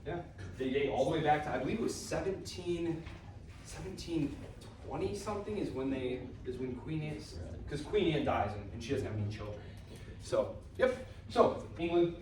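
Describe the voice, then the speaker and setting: A man's voice: fairly high pitch, lively intonation, normal speed, a little mellow, slight background noise. A man giving a casual classroom lecture on history, chatty and informal, full of fillers and asides. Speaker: history instructor. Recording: very echoey room recorded from a distance.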